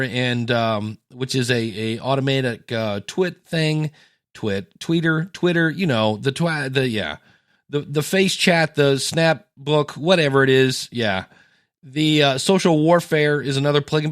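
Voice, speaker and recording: In a dry, studio-quality recording, a mid-range male voice hosts a casual solo podcast. He's an American from Ohio, rambling along in a self-deprecating way and acting out quotes as he goes.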